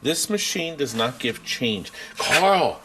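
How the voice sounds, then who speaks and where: A man's voice: mid-range voice, sing-song, slow pace, noisy background. A man hosting a casual walk-through tour video, chatty and rambling with jokey asides. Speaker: host giving a video tour of his arcade business. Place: indoors in an arcade game warehouse.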